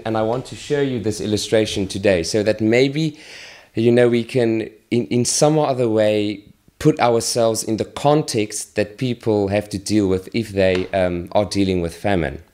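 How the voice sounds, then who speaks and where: A middle-aged man from Malawi, a charity worker, making an earnest, measured appeal while demonstrating with a plant. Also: on the low side, darkish tone. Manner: earnest, measured, with pauses and restarts.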